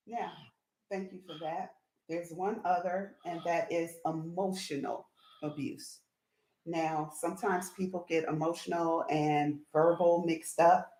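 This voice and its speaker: A woman host with a lowish voice speaks slowly and in a measured way as she puts questions to her guest. Her voice carries the echo of a reverberant room. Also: steady tone, darkish tone, slight background noise. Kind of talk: interview questions. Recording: echoey room.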